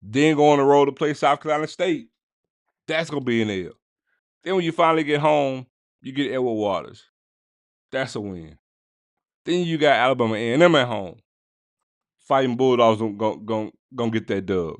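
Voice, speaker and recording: A man hosting a casual sports podcast, talking straight to his listeners in slangy, animated bursts. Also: mid-range voice, moderate pace, pauses often, no room sound. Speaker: podcast host.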